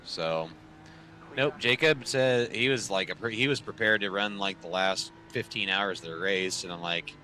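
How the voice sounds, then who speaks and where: Deep-voiced man chatting casually on stream. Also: normal speed, bright, forceful tone, slight background noise. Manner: rambling, sarcastic, filler-heavy. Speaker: sim racing streamer. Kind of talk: casual chat to viewers. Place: home sim racing setup.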